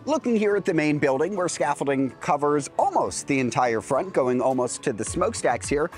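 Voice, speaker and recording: A man's voice: on the high side, lively intonation, moderate pace, faint music behind. A man hosting a vlog, chatting through a walkthrough with playful asides in an enthusiastic style. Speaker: theme park vlogger, host.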